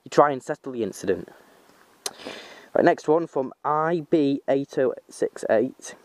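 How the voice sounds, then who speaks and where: Speaking unhurriedly and expressively in a mid-range voice, a young man from North Wales, with a hint of a Manchester accent, vlogs outdoors on a handheld camera. His talk is casual and rambling, and he keeps correcting himself.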